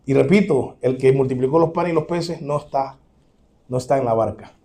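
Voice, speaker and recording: A male pastor, preaching an animated sermon and acting out the scenes he describes. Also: medium pitch, moderate pace. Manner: animated preaching, dramatic re-enactment, chuckles.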